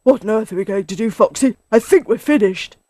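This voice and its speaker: A woman voicing an excitable, anxious badger father in a children's story, exclaiming emphatically. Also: mid-range voice, brisk, no echo, voice pushed up, lightly acted. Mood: alarmed.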